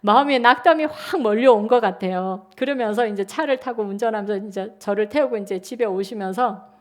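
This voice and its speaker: A woman in her sixties, a pastor preaching a sermon in a church, telling personal stories in an animated, chatty way. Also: mid-range voice, fairly quick. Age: 60s. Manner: animated, chatty storytelling with acted-out quotes. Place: church sanctuary.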